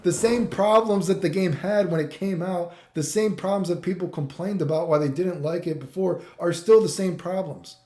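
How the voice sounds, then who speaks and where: Ranting off the cuff, a middle-aged Canadian man who comments on games speaks in a high, dark-toned voice at a moderate pace with hardly any pauses. He is exasperated and emphatic, repeating himself, swearing and firing rhetorical questions in an echoey, roomy recording.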